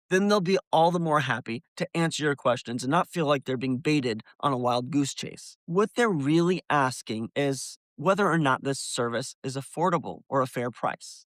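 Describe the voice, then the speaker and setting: A man with a medium-pitched voice narrates an instructional video, talking straight to viewers and walking through each step. He's a window cleaner presenting a business tutorial, and the recording has no room sound.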